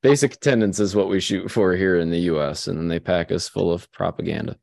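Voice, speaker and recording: A man's voice: sits low, brisk, gravelly, a little mellow, no echo, studio quality. A man with a Midwestern American accent, hosting a podcast in a joking, rambling way. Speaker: podcast host. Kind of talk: casual podcast chat.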